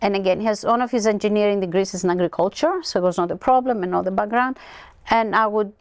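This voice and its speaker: Talking quickly in a smooth, mid-range voice, a Greek-accented woman from Greece in her sixties, who co-owns a winery, chats as an expressive, storytelling guest in a conversational studio interview. The recording has no echo.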